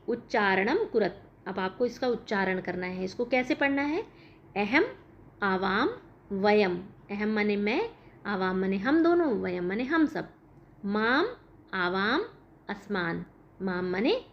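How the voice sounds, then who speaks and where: A woman teacher explaining a school lesson, asking questions and answering them herself. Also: medium pitch. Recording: dull lo-fi recording with faint noise.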